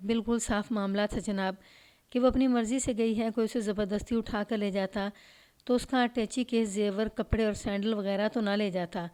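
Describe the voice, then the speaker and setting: A woman's voice: mid-range voice, steady tone, a little mellow, clean tone, lightly acted. A woman reading the lines of a reluctant, defensive father of a missing girl in a storybook crime tale. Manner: evasive, defensive.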